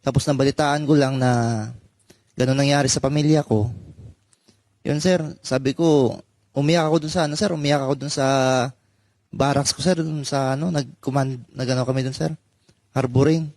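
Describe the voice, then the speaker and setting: Halting former marine, dry room. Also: male voice, medium pitch, fairly even intonation, darkish tone, no echo. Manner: hesitant, many fillers, says sir constantly. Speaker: former marine explaining his discharge. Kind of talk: halting personal testimony.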